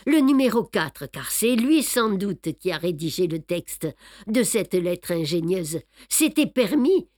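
A woman's voice: mid-range voice, no echo, clean studio sound. A woman putting on a smug older male detective. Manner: boastful, explaining, lively emphasis. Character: fussy, self-satisfied older male Belgian detective. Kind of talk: audiobook reading.

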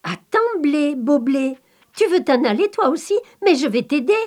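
A woman voicing a naive, simple-minded young man who is eager to help, in a bright singsong manner. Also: high voice, expressive, moderate pace, pitched above the performer's own voice.

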